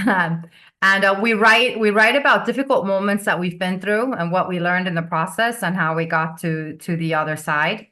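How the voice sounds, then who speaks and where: Pushed and bright, her lowish voice moves at normal speed. The woman, a business coach with Finnish as her first language who grew up in Venezuela, chats casually as a guest in a video call interview, laughing often and repeating words as she begins.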